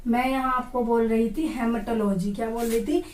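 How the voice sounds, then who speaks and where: A woman teacher giving an exam-prep lesson, asking questions and repeating each term slowly so students say it with her. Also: on the high side, fairly even intonation, darkish tone. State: dry throat. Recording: echoey room, far from mic.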